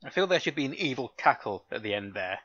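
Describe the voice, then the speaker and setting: A man's voice: mid-range voice, very animated, quick pace, a bit bright, husky, highs cut off. A man hosting a let's play, chatting casually and self-mockingly while reading game menus aloud. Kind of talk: casual gameplay commentary.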